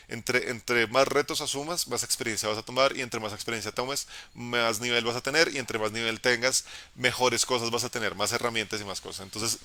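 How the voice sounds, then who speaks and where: A young man, a game master giving an encouraging, casual live talk about narrating, in a low tenor voice with frequent restarts. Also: bright, forceful tone, no echo. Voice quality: lowish tenor voice. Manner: encouraging, conversational, many restarts. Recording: dry live stream audio.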